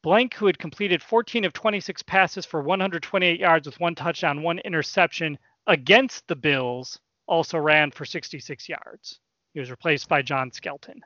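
A man's voice: fairly high pitch, normal speed, bright, forceful tone, no room sound, highs cut off. A man hosting a casual sports podcast, reading out old headlines as quiz clues and teasing the guessers. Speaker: podcast host running a trivia quiz.

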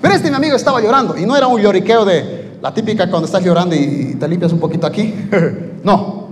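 High-voiced man preaching in a hall. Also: lively intonation, fast talker, slight background noise. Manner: storytelling, laughs often, repeats words. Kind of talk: sermon with personal testimony.

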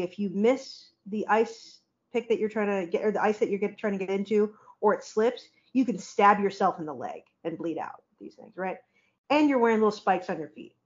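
A woman's voice: medium pitch, highs cut off. A woman guest on a podcast, chatting casually and rambling with many fillers and frequent laughs. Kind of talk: casual chat.

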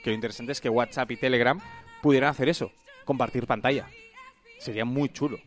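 A man's voice: mid-range voice, steady tone, quick pace, soft background music. A man, co-hosting a casual tech podcast and explaining features with lots of fillers. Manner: explains with many fillers and repeated words. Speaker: podcast co-host.

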